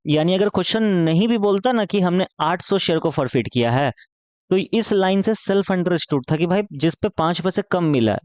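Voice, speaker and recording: A man's voice: on the high side, darkish tone, smooth, dry recording, lo-fi sound. A man teaching an accounting lesson in a playful, chatty tone, asking questions in his students' voice and answering them himself. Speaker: commerce teacher.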